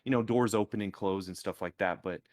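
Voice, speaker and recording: A man co-hosting a gaming podcast, telling a story in lively casual chat and laughing easily. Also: fairly low pitch, fairly quick. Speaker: podcast co-host.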